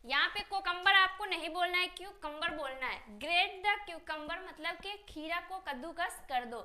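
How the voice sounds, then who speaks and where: This woman's voice is extremely high, bright, and forceful, with lively intonation, as she teaches spoken English in Hindi. She keeps answering her own questions to the class and slows to spell out each English phrase.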